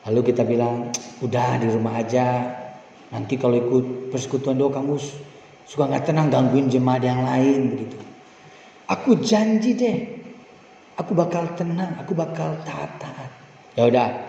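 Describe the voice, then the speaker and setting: A man preaching a sermon as pastor, animated and addressing the congregation directly. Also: slight background noise. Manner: animated, rises high when stressing a point; speaks to the congregation directly, often saying "brothers and sisters". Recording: roomy church hall, distant mic, dull sound.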